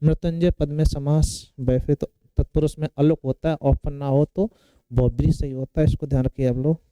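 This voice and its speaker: Male tutor, very dark and smooth voice, drills exam questions with repeated check-ins. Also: fairly high pitch, steady tone, fairly quick, dry recording, low-quality recording. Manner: asks and answers his own questions, repeats key terms. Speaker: Hindi grammar teacher. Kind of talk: exam-prep lecture.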